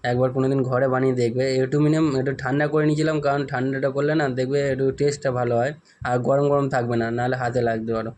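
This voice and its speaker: A man with a hoarse, husky voice chats casually as he shows viewers a home recipe step by step and keeps apologizing for steps he skipped. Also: medium pitch, level tone, fast talker, darkish tone. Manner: chatty, rambling, often apologizes for skipped steps. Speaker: home cooking channel host. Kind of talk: casual cooking demonstration.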